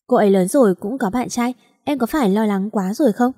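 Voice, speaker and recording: Female narrator reading a calm young man, placating, mellow tone. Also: a little high, fairly quick, natural voice.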